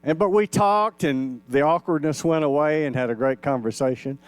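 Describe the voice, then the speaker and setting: A man's voice: fairly high pitch, normal speed, smooth, no room sound. A man in his sixties preaching a sermon in a folksy, conversational way, telling personal stories and acting out the dialogue. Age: 60s. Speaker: minister. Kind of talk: storytelling sermon. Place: church sanctuary.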